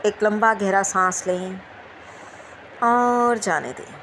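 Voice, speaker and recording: Speaking very slowly with a mid-range pitch, a woman leads a meditation, repeating gentle instructions between long pauses. The recording is rough, with faint background noise under her voice.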